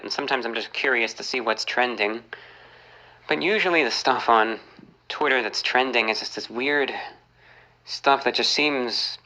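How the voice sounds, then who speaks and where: Male YouTuber, mid pitch, piercing bright timbre; reads and answers viewer emails in a calm, bemused, casual way. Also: low-quality recording. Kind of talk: casual monologue.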